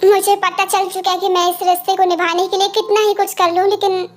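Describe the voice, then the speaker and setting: A high-voiced performer dubbing a defensive young wife. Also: level tone, fairly quick. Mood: hurt, defensive. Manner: defensive, pleading and explaining. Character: young wife defending herself to her husband. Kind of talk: amateur Hindi fan dub.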